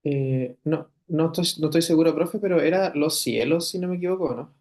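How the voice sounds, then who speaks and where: A man's voice: a little high, a little fast, a little mellow. A man answering his teacher in an online class by video call, hesitant and unsure. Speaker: student.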